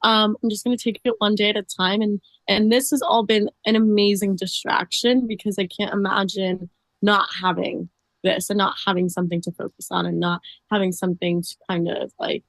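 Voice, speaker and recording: A woman's voice: mid-range voice, little pitch movement, a little fast, no room sound. A woman guest in a casual podcast interview, talking chattily with lots of "like" and "um". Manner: chatty, fills speech with "like" and "um".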